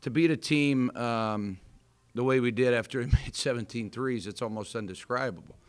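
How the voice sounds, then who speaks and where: At a postgame press conference, a head basketball coach, an American man in his thirties, talks candidly with many fillers and restarts. His mid-range voice has a clean tone and a moderate pace. He's recorded on a table microphone in front of him, in an indoor press room before a sponsor backdrop.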